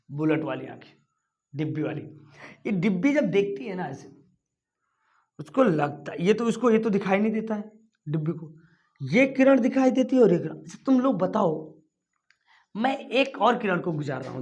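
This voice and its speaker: A male physics teacher lecturing at a board, coaxing students with questions that he answers himself. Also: high-pitched. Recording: dull lo-fi recording.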